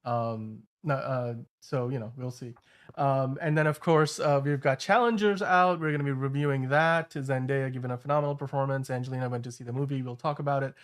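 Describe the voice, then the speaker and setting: A male show host delivers casual news commentary in a middle-pitched voice. He talks loosely and conversationally, wandering into asides as he goes. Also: a little fast.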